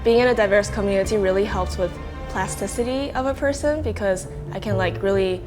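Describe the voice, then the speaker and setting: A woman's voice: medium pitch, brisk. A young adult woman from Taiwan, a student telling things casually in an interview. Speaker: university student. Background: music.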